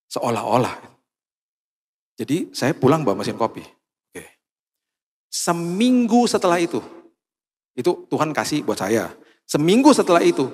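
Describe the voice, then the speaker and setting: A man's voice: mid-range voice, a little mellow, breathy edge. A man preaching a sermon as a pastor, telling a story with acted dialogue and then praying. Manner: acts out dialogue in varied voices. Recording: long church reverb.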